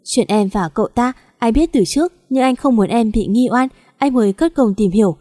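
A woman's voice: a little high, normal speed, warm tone, no room sound, clean studio sound, close to an everyday voice. A woman reading the lines of a betrayed husband in his thirties who speaks with cold, restrained anger in an audio story. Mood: bitter.

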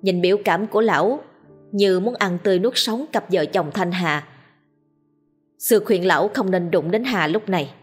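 A woman telling a scripted ghost story in a steady, dramatic way. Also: medium pitch, moderate pace, slightly rough, faint music behind.

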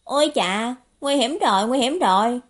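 A woman voicing a playful, mischievous young man in an audiobook, with bright teasing exclamations. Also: high-pitched, lively intonation, moderate pace, pitched above the performer's own voice. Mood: cheeky excited. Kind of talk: audiobook character voice.

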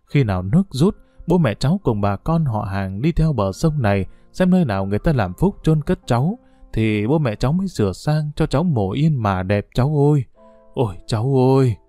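A male narrator voicing a grief-stricken old villager who murmurs pleading words over a drowned child's raft, his tone lively in its rises and falls yet mellow and soft-edged. The voice sits close and dry, with soft guitar music behind him in this storybook reading. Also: mid-range voice, a little fast, no room sound, lightly acted. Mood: grieving plea. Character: grieving old man pleading with a drowned nephew. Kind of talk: audiobook character reading.

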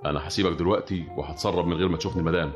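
An actor playing a sly young schemer who coaxes others and plots to take most of a treasure, in an old radio play. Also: male voice, sits low, fairly even intonation, rapid-fire, faint music behind, lightly acted. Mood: scheming. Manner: sly, wheedling, laughs often.

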